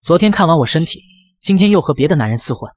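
A man's voice: on the high side, animated, fast talker, a little mellow, no room sound, clean studio sound. A man voicing a cold, stern, powerful young official who gives curt commands.

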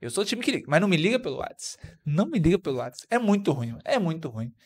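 A man chatting on a podcast who talks very fast in a fairly high voice. He is jokey and quick to jump into the conversation, laughing easily along the way. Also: very animated, darkish tone, slightly rough. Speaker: podcast co-host. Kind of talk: casual chat.

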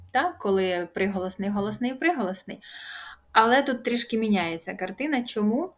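Young woman teacher going over grammar rules, calm and encouraging, drags out the example words. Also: medium pitch. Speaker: English teacher.

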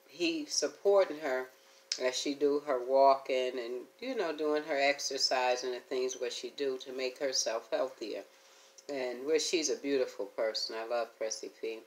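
A middle-aged woman vlogging at home, chatting to her viewers in a rambling, homey way while she eats and hums between bites. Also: extremely low pitch. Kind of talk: casual eating chat to camera.

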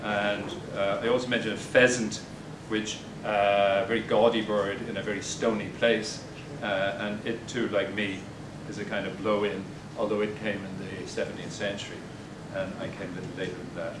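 An older poet gives a poetry reading with spoken asides at a podium inside a bookstore. He sounds hesitant and halting between poems, with a flat delivery. A distant camera mic picks him up in an echoey room, with background rumble.

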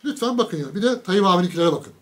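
A man giving a casual political monologue, mocking and ranting, with sudden loud bursts and low asides. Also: animated, fast talker. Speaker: political commentator.

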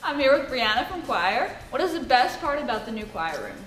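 A woman's voice: high-pitched, big pitch swings, a little fast, a bit bright, faint music behind. A teenage girl interviewing classmates for school news, upbeat. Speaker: student interviewer. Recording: echoey classroom.

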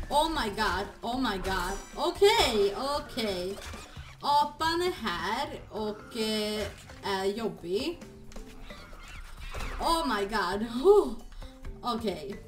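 A young woman giving excitable let's-play commentary, shrieking and laughing, dropping English exclamations into her talk. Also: a little high, far from the mic. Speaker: gaming streamer. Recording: echoey room with game music behind.

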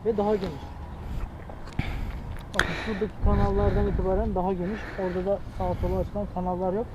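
A man's voice: sits high, flat delivery, fast, highs cut off, background noise. A young man chatting casually as a guest rider on a motorcycle vlog, talking from inside a helmet. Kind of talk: casual motovlog chat.

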